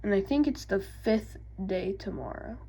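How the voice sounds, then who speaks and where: A young woman vlogging about game lore, halting with many ums, reading passages and then explaining them in her own words. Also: medium pitch, animated, creaky, mellow, slightly rough. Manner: hesitant, many ums and restarts. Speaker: gaming YouTuber. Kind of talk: casual vlog and lore reading.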